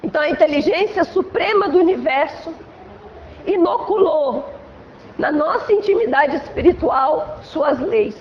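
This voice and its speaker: A woman's voice: sits high, expressive, unhurried, lo-fi sound, slight background noise. A woman with a Brazilian Portuguese accent giving a spiritual lecture in a conversational way, often adding "né?" and acting out examples. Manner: conversational, frequent "né?" tags, acts out examples. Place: assembly hall of a spiritual center.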